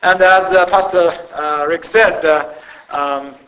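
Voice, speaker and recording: A Japanese man with a Japanese accent, a missionary preaching a sermon in a church with halting, self-deprecating humor. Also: on the high side, steady tone, fairly bright tone, rough recording.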